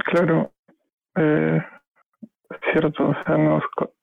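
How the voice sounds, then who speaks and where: A man, his voice a little high and gravelly. He talks in a flat, hesitant way, full of fillers and restarts, recorded dry and close. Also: slow, no room sound, phone-quality sound. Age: 30s. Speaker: podcast guest. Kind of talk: casual podcast chat.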